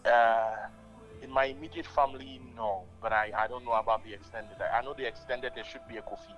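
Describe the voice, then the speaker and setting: A man from Ghana speaks quietly and respectfully, answering with yes sir and amen. His voice sits at an average pitch and comes through muffled and lo-fi, as if over a call. Faint music runs underneath. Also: fairly even intonation, brisk. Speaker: caller.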